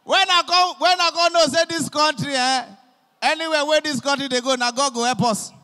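High-voiced, bright Nigerian comedian on a big stage. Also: male voice, brisk. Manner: animated storytelling, acting out police and pastors. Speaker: stand-up comedian. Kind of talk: stand-up comedy in Pidgin and Yoruba. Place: large concert stage with live audience. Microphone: handheld microphone. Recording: long reverb of a large hall.

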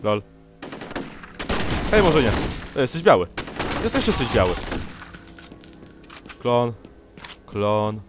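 Sarcastic young man with lively pitch swings. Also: slow pace, long pauses, over music. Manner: sarcastic, talks back to enemies on screen. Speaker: gameplay commentator. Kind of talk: let's play commentary.

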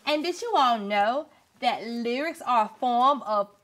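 Actress as high singsong encouraging kids' show teacher. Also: female voice, animated, a little slow, fairly bright tone. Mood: upbeat, teaching. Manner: broad singsong kids' theatre delivery. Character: cheerful, encouraging woman poetry teacher, Miss Kim. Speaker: teacher, show's star. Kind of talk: scripted children's show acting. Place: indoor TV studio set, light music behind.

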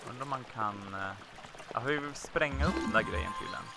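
A man casually commenting on his own gameplay, chatty and excitable, talking to himself as he plays. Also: medium pitch. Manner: chatty, excitable, talks to himself while playing. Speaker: let's play host. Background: video game music.

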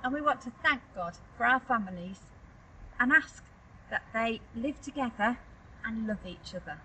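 A woman's voice: fairly high pitch, lively intonation, bright, forceful tone. Woman leading a children's prayer outdoors. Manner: slow, clear and encouraging. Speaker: children's holiday club leader. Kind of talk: gentle guided prayer for children. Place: outdoors in a garden by a tent. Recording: distant mic with outdoor noise.

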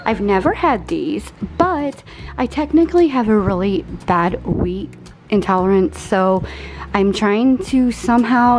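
A woman's voice: on the high side, darkish tone. Chatty woman showing her groceries. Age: 40s. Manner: chatty, friendly product rundown. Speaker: grocery haul vlogger. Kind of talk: casual chat.

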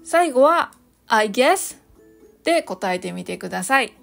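A woman with a fairly high voice hosts a solo English lesson. She speaks, explains cheerfully and slowly models each phrase, and soft music plays behind her. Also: very animated, gravelly. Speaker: English teacher, podcast host. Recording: light background music.

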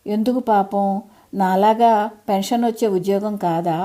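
A woman with a medium-pitched, dark voice close to an everyday speaking voice reads an audio story at normal speed. She voices a frail but proud elderly mother who chides and teases in homely, old-fashioned speech, with a mood of wry chiding.

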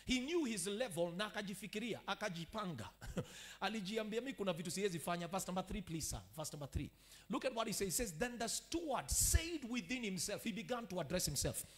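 A man with a Kenyan accent preaching a sermon as pastor, swinging from quiet teaching to shouted declarations and calling for amen. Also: sits high, expressive, fairly quick.

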